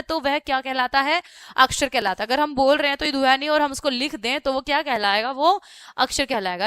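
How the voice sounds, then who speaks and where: Bright, high-voiced woman teaching a lesson. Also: dry recording, clean studio sound. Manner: explains step by step, asking and then answering her own questions; repeats "ठीक है" often as a check-in. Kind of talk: classroom-style grammar lesson.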